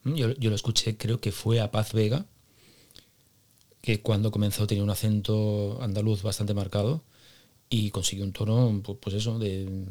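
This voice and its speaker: Joking podcast host, low voice. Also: male voice, flat delivery, normal speed, dark tone. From Spain. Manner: joking, chatty asides. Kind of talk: casual podcast interview.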